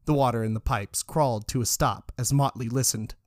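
A man narrating a story in an even, steady reading voice. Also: mid-range voice, brisk, no room sound, studio quality. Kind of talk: audiobook narration.

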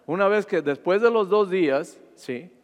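A male preacher with a fairly high voice retells scripture to his congregation, again and again asking "¿sí?" as he goes. His sermon rings through a hall with a long reverb. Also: animated, moderate pace. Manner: asks the congregation "¿sí?" constantly, retelling scripture with rising fervor.

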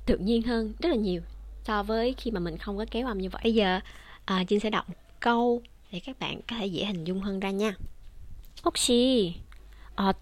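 A woman's voice: medium pitch, no echo. A woman teaching a language lesson online, explaining rules patiently and speaking directly to her viewers.

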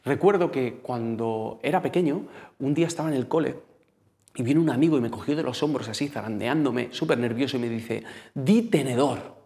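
A man's voice: mid-range voice, a little fast, gravelly, mellow. Man, Spain Spanish accent, sermon, casual storytelling, talks straight to the congregation. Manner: conversational storytelling, addresses the congregation directly. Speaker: preacher.

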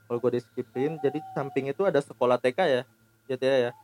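A man's voice: medium pitch, steady tone, a little mellow. A man, hosting a podcast in a chatty, joking way. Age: 30s. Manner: joking, chatty, lots of quick agreeing. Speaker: podcast host. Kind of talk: casual chat.

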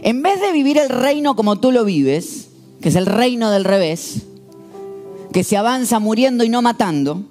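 A preacher voicing a coaxing devil. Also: male voice, extremely high pitch, darkish tone. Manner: coaxing, persuasive. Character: tempting male devil, smooth and coaxing.

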